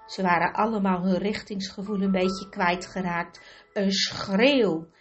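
A woman reading a children's story aloud in a measured, expressive way. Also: medium pitch. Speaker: narrator. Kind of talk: audiobook reading.

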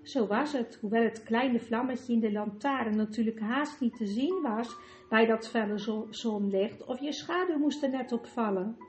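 High-voiced woman narrating a storybook. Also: normal speed, a little mellow. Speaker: audiobook narrator. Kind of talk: scripted narration.

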